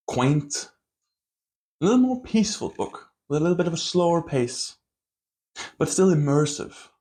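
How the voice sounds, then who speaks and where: A man's voice: a little high, a little mellow. Man casually reviewing a book. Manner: conversational, full of hedging qualifiers like "kind of" and "a little bit"; self-deprecating asides.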